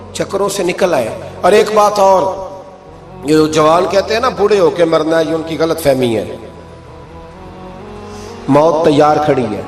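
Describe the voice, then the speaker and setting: A man preaching a sermon in a mosque, emphatic, his voice climbing sharply when he acts out the people in his stories. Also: fairly high pitch. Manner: emphatic, rises sharply when acting out quoted speech. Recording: echoey hall with faint music.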